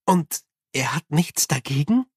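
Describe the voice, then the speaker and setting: An earnest young monk asks his questions with a slightly raised voice, as a man plays him. The tone is husky and close. The storybook sound is dry. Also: a little high, expressive, a little slow, no room sound, exaggerated voice. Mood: uneasy.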